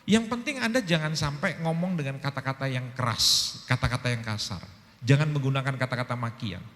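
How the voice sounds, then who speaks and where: A man's voice: mid-range voice, brisk, a bit bright, long reverb tail. A male pastor in his fifties preaching a sermon, telling stories animatedly and acting out quoted dialogue.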